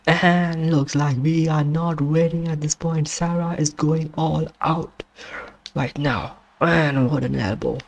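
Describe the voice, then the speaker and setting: A man doing play-by-play commentary on a wrestling video game, excitable and exclaiming at surprises, his voice strained and going hoarse. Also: on the high side, takes it slowly. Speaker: gaming channel host doing commentary.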